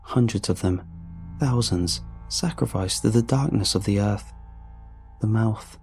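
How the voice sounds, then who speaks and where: A man narrating a horror story in a low, gravelly, dark-toned voice. He reads slowly and deliberately, keeping his delivery hushed. Faint music plays behind him.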